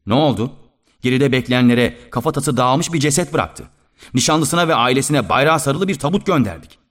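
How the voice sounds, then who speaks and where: A man voicing a stern army major who lectures his soldiers in a loud, commanding way. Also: medium pitch, normal speed, close to an everyday voice.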